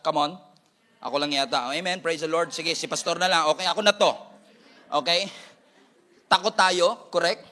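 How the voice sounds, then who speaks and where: Bright high-voiced Filipino pastor preaching. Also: male voice. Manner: switches between Tagalog and English, jokes with congregation. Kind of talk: sermon.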